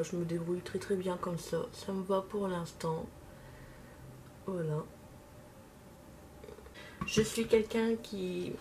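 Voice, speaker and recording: Brief: young woman vlogger with a slight lisp, halting casual chat, faint noise behind. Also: medium pitch, dark tone. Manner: hesitant, many fillers. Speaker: makeup vlogger. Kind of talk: casual talk while doing makeup.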